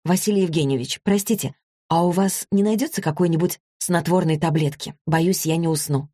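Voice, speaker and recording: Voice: medium pitch, brisk, dark tone, breathy edge, no echo, clean studio sound, close to an everyday voice. A reader voicing a grown woman who answers curtly and keeps her plans secret in an audiobook. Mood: polite. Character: grown woman, guarded and tense.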